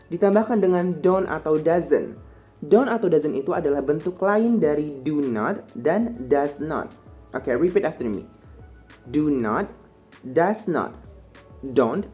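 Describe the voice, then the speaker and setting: A woman teaching a casual grammar lesson, repeating example sentences slowly for learners to copy. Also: deep voice, dark tone. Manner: slow, drawn-out repetition of example sentences for learners. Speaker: English teacher.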